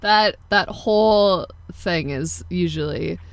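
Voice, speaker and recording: A woman's voice: lowish voice, slow, no echo. A young woman co-hosting a podcast in casual, playful banter, laughing often. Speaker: podcast co-host. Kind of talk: casual chat.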